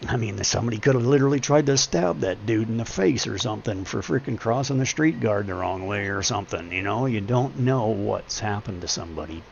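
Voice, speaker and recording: Deep-voiced man rambling earnestly. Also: animated, a little fast, creaky, hardly any pauses, muffled recording, slight background noise. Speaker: live streamer. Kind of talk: casual reflective monologue.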